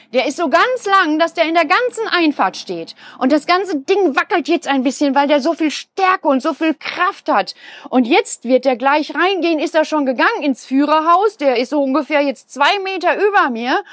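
A woman hosting a kindergarten podcast, excitedly narrating a delivery to children from a building entrance. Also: high-pitched, normal speed, dry recording, clean studio sound. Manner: excited, breathless reporting. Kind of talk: live commentary for children. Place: at a kindergarten entrance, partly outdoors by a truck.

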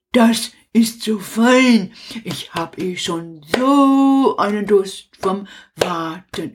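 A woman's voice: medium pitch, slight background noise, lightly acted. A woman voicing a lovesick, clingy female crocodile in a children's puppet show, doting and sobbing dramatically.

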